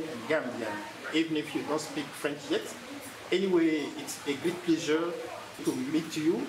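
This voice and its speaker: A man hosting an interview, asking formal, slightly halting questions. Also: fairly high pitch. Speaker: interviewer, host. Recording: roomy room with clear ambient noise.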